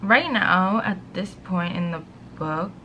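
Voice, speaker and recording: A woman's voice: lowish voice, slow, lo-fi sound, background noise. A young woman chatting casually about a book she is reading, exasperated and sometimes dropping to a whisper. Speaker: book vlogger. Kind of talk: casual reading vlog chat.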